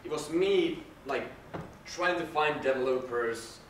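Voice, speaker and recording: A man's voice: on the high side, unhurried. Rambling man at a conference. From Finland. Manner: rambling, self-deprecating, swears casually. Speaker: conference speaker, sound designer. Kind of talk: casual conference talk. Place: large conference hall. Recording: echoey hall, distant mic, faint noise.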